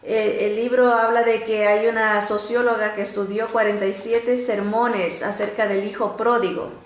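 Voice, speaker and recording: A woman teaching a Bible lesson through stories, animated and often pausing on "este" and restarts. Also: roomy sound. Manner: animated storytelling, often rising in pitch to act out quotes; frequent filler "este" and restarts.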